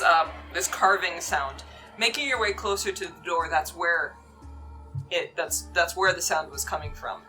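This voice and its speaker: Bright-voiced male game master. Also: sits high. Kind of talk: improvised narration of a tabletop game. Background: soft music.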